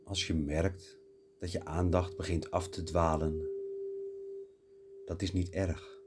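A man guiding a mindfulness meditation, giving calm, unhurried breathing instructions with long pauses. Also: low voice, noisy background. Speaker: meditation guide.

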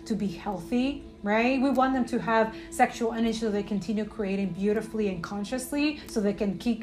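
A woman's voice: medium pitch, a little mellow. A woman hosting a spiritual podcast, talking earnestly and rambling with many fillers and restarts, often tagging her points with "right?". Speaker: podcast host.

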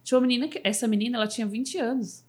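A woman's voice: fairly high pitch, very fast, darkish tone. A woman, a motivational speaker, telling a personal story in a casual podcast interview, with emotional restarts. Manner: emotional storytelling, restarts and fillers like "sabe assim".

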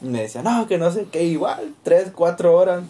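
A man with a Mexican accent, chatting casually and telling stories in a lively, slangy way. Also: sits high, brisk. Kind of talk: casual chat.

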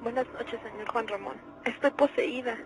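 A woman's voice: on the high side, fairly even intonation, normal speed, background noise. Frightened young woman caller. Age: young adult. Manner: frightened, pleading. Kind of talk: radio call-in.

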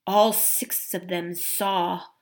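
Slow, expressive woman reading a storybook. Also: fairly low pitch. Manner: expressive, unhurried narration. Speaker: audiobook reader.

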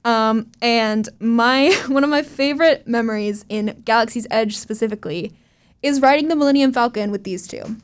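A young woman co-hosting a casual chat, excitable and quick to exclaim. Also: fairly high pitch, clean tone. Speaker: podcast co-host.

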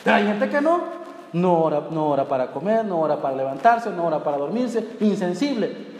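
A man's voice: high voice, sing-song, a little fast, darkish tone. A man preaching a sermon as pastor, emphatic and drawn out with colloquial asides. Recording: echoey church hall with faint noise.

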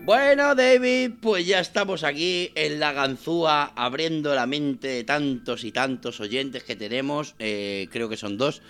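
A man with a Spain Spanish accent co-hosts a comedic chat show. His voice is bright and clear, and he tells his stories in a rambling way, sliding from low mumbles into loud outbursts. Faint music plays behind him. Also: a little slow, few pauses. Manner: storytelling with big swings from mumbling asides to shouting. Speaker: podcast co-host.

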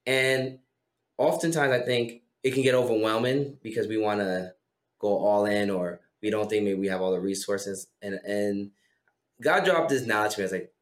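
A man's voice: lowish voice, normal speed. A young adult man, a podcast guest, talking earnestly and encouragingly about faith and foster care. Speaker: guest, former foster youth. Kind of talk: casual podcast conversation. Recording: roomy echo.

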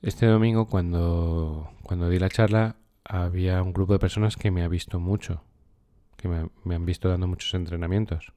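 A deep, mellow-voiced man talks calmly and unhurriedly. He hosts a relaxed solo podcast, sounding close and dry with no room echo. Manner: calm, unhurried. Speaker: podcast host and trainer. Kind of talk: casual podcast monologue on a book.

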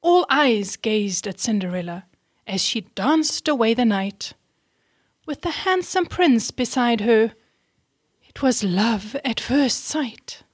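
A woman reading a rhyming children's storybook aloud, slowly and clearly, then asking the listener questions. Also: on the high side, animated, dry recording, studio quality.

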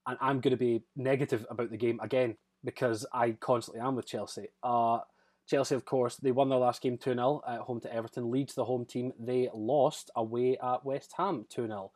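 A man's voice: mid-range voice, steady tone, moderate pace, darkish tone. Man hosting a football podcast. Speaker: podcast host. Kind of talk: casual football chat.

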